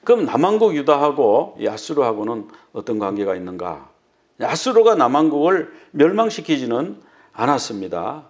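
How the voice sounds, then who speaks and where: A man's voice: mid-range voice, very animated, moderate pace, dull audio. A male pastor preaching a sermon, dramatically acting out the words of biblical figures. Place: church.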